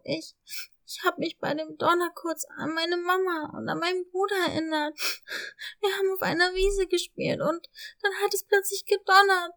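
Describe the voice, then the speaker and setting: A woman's voice: sits high, a bit bright. A woman voicing a timid, lost little female kitten who speaks hesitantly and fearfully.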